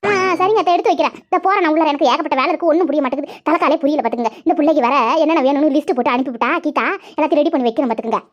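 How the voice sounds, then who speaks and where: A woman's voice: high-pitched, very fast, hardly any pauses, lightly acted. A woman voicing a dutiful young daughter-in-law in a cartoon, obliging and busy. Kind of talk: cartoon voice acting. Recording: dull lo-fi audio.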